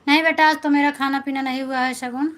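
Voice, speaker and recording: A woman's voice: high-pitched, steady tone, quick pace, a little hiss or hum, rough recording. A middle-aged woman from north India hosting a live stream on her phone, chatting with viewers, greeting them by name and thanking them again and again. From Awadh, north India. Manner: chatty, warm-toned greetings, repeats thanks, reads out viewer names.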